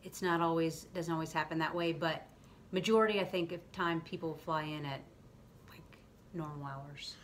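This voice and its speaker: A woman's voice: low voice, steady tone, a little fast. A woman hosting a vlog, explaining things in loose, rambling casual chat. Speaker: vlog host. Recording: faint background noise.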